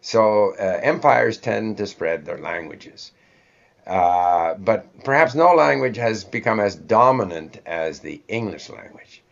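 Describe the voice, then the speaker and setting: This interviewer's voice is on the low side and gravelly, expressive, and unhurried. Swedish-born but raised in Canada, he speaks with a Canadian accent and talks through ideas discursively with his guest, all on a dull, lo-fi recording.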